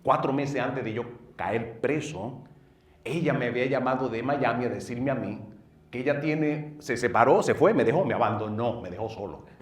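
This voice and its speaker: A middle-aged man with a Dominican accent, a pastor telling his personal testimony in an earnest way, going from loud bursts to low murmurs. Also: animated, moderate pace. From northeastern United States. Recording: roomy sound from a distant mic.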